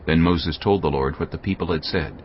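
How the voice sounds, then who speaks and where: A man narrating a dramatized Bible reading in a calm, steady storytelling manner. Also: deep voice, brisk, slight background noise. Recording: muffled audio under orchestral music.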